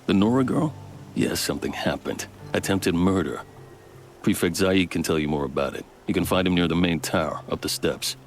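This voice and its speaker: An actor playing a proud, measured male captain and veteran soldier. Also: low-pitched, slight background noise, close to an everyday voice. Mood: proud steady.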